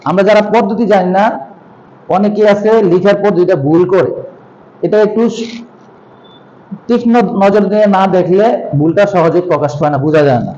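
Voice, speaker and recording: High-voiced man teaching, dull recording. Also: dark tone. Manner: explains step by step, repeats syllables aloud slowly. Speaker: language teacher. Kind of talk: classroom lesson on writing. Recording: dull lo-fi sound.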